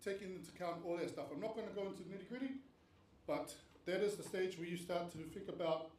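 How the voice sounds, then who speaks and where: A man raised in Tonga speaks quickly in a high, somewhat dark voice, giving an earnest, explanatory talk on research stages at an academic panel and often posing rhetorical questions. The recording comes from a panel venue room, with a distant mic, a roomy sound and faint background noise.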